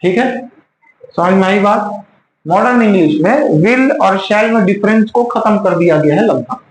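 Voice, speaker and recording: A man's voice: high voice, animated, unhurried. A male teacher giving a classroom grammar lesson, quizzing his students again and again. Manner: quizzes students with repeated questions. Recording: roomy classroom echo.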